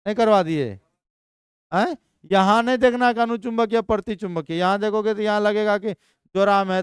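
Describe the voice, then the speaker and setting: High-voiced man, chemistry lecture, lively and quizzing, very clear dry sound. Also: no echo. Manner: energetic, questioning students constantly. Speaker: chemistry teacher. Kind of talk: live classroom lecture.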